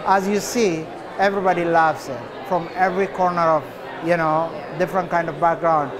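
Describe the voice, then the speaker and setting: An interview in a cafe captures an Ethiopian artist, a man in his forties, answering at a leisurely pace and pausing often with fillers. His voice has a fairly high pitch, and crowd noise fills the background.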